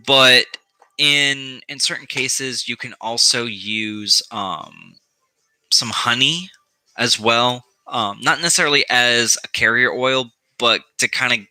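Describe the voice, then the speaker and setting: A man's voice: medium pitch, sharp tone, no echo, poor audio. A man giving a casual how-to vlog on occult practice, rambling with lots of ums and restarts and some profanity.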